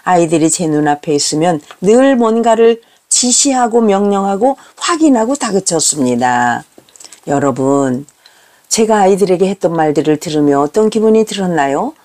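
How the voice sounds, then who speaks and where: A woman's voice: on the low side, lively intonation, normal speed, mellow. Reflective middle-aged woman telling a story. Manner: reflective, with rhetorical questions to the audience. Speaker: teacher and mother giving a talk. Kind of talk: confessional storytelling talk.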